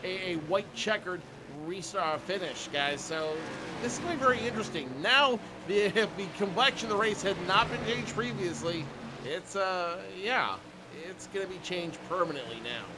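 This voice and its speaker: Male race analyst, stumbles over his words, higher pitch, audible hiss behind. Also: lively intonation, moderate pace. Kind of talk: sim racing commentary.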